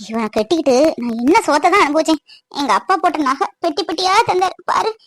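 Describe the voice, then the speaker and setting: A cartoon performer voicing a sharp-tongued young wife who rants and scolds her husband in a high, sped-up cartoon voice. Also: fast talker, dry recording, heavily acted. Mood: complaining. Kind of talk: cartoon voice acting.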